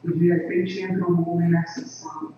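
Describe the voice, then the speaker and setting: A man, an evangelist giving an earnest personal testimony to a camera in a solemn, unhurried way with drawn-out emphasis. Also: sits high, monotone, warm tone, slight background noise. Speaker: evangelist and worship leader. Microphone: camera microphone. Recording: echoey, distant, dull lo-fi with faint ambience.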